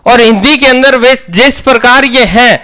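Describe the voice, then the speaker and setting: A man's voice: very high-pitched, normal speed, sharp tone, smooth. A man teaching a grammar lesson, asking questions and answering them himself.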